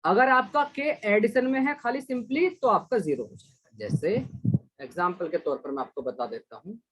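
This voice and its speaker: A man's voice: sits high, moderate pace, a bit bright, breathy edge, low-quality recording. A man teaching a math class online, patiently explaining steps and praising students by name as he checks their answers.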